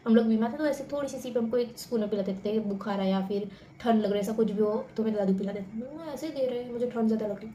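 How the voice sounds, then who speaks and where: A young woman vlogger telling stories to the camera in a chatty, animated way, often addressing her viewers as guys. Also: fairly high pitch, quick pace, echoey room, a little hiss or hum. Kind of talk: casual storytelling to camera.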